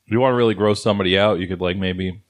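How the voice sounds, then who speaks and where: Man, low voice, casual snack review host, rambling, laughing, swearing. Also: fairly even intonation, very fast.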